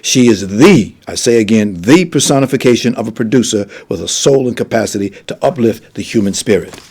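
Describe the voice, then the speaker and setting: A man's voice: lowish voice, animated, a little fast, darkish tone, breathy edge. A man hosting an interview show, giving formal, effusive introductions and asking questions. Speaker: talk show host. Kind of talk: radio-style interview hosting.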